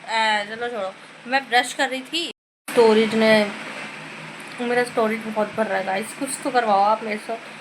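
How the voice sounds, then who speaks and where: A woman vlogger chatting to her phone camera in a rambling, casual way. She keeps calling her viewers guys and speaks softly because her mouth is sore. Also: on the high side, fairly even intonation, normal speed, noisy background. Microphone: phone camera filming herself.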